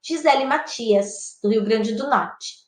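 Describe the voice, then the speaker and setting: Woman teacher for an online class, bright and high-pitched, chatty and warm with students, recorded in an echoey room. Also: slow. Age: adult past adolescence. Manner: expressive, acts out the example words with lively swings of pitch.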